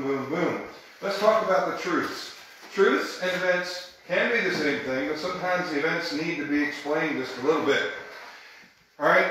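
A man's voice: fairly high pitch, bright, forceful tone, a little hiss or hum. Man teaching in a very echoey room. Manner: emphatic, checks in with "okay?". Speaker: Bible study teacher. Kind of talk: conversational Bible study teaching. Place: church meeting room.

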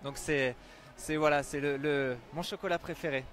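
A man's voice: fairly high pitch, steady tone, moderate pace, fairly bright tone. A young man in his twenties working in research and development, answering with enthusiasm into a handheld mic at a busy indoor trade stand. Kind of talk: live event interview. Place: busy indoor exhibition hall. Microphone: handheld mic held by the interviewer.

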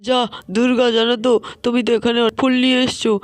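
A voice doing a high, whiny sulking man. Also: completely flat delivery, fast, no room sound. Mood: sulky. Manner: complaining, whiny. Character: sulky grown man, scolded and sorry for himself. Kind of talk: doll-play storytelling.

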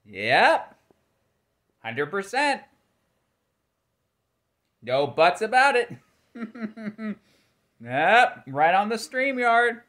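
A man hosting a casual livestream, his voice pitched up by software into a chipmunk-like sound, talking in a chatty, self-deprecating way. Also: big pitch swings, extremely slow, long pauses. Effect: pitched-up chipmunk-like sound from streaming software. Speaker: livestream host.

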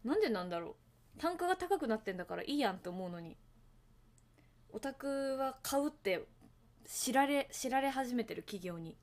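Chatty woman livestreaming, slightly high voice. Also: big pitch swings, normal speed, pauses often, a little mellow. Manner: rambling, chatty, talks to viewers and laughs at herself; hums and sings along to songs between topics. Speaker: livestream host. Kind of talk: casual livestream chat.

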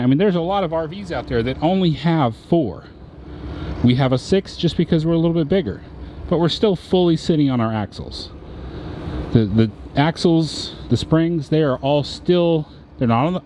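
A man's voice: fairly low pitch, slight background noise. A man vlogging casually at his RV campsite, rambling as he explains things step by step. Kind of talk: casual vlog talk.

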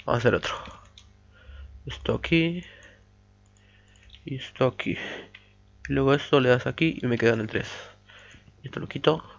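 A man's voice: mid-range voice, moderate pace, vocal fry, long pauses. A man giving chatty let's play commentary while mining, humming "pa pa pa" to himself. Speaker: gamer. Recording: dull lo-fi mic audio.

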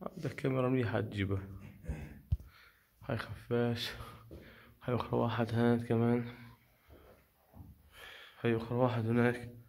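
A man's voice: medium pitch, flat delivery, darkish tone. Palestinian man narrating a cave exploration. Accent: Palestinian Arabic. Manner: observational, pausing to speculate. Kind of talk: unscripted exploration commentary. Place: at and inside a rock cave. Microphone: handheld phone or camera. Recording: faint noise, handheld camera audio.

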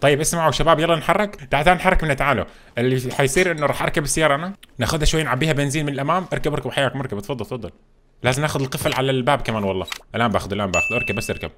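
Fast, excitable man narrating a game. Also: medium pitch. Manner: animated, jokey, exclaims often. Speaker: gaming video host. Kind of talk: excited gameplay commentary.

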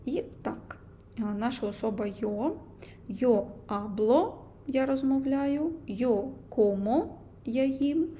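A young woman teaching a language lesson, explaining grammar slowly and carefully, with frequent hesitations. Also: sits high, expressive, mellow, slight background noise.

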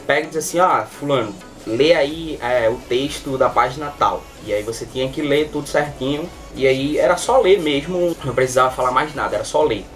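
A young Brazilian man chatting casually to camera as a vlogger, rambling informally with lots of filler words. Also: medium pitch. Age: young adult. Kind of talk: casual chat to camera, storytelling. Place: small bedroom, indoors. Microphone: webcam or computer mic at desk distance. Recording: distant webcam mic.

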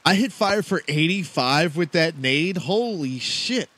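Excitable swearing male streamer. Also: on the high side, measured pace. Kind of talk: casual gaming chat.

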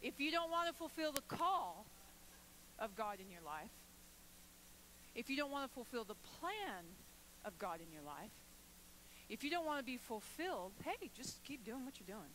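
A woman pastor preaching a sermon, emphatic and rising to forceful declarations. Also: a little high, very animated, normal speed, pauses often, slight background noise, low-quality recording.

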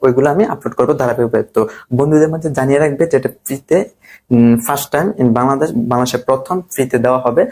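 A man's voice: medium pitch, quick pace, darkish tone, low-quality recording. A man from Bangladesh with a Bangladeshi accent, teaching English pronunciation and spelling words out letter by letter. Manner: repetitive, spells words letter by letter, keeps asking "ঠিক আছে?". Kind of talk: classroom-style pronunciation lesson.

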